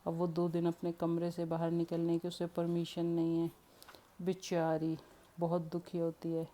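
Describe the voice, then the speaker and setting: A woman's voice: lowish voice, monotone, a little slow, warm tone. A woman telling a children's story expressively, with English words mixed in. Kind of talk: storybook narration.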